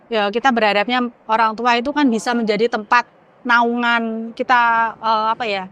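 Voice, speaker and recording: A woman's voice: on the high side, steady tone, a bit bright, smooth, dull audio. Emotional woman. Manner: emotional, halting, searching for words. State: teary-eyed. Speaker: podcast guest. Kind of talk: candid personal testimony in casual chat.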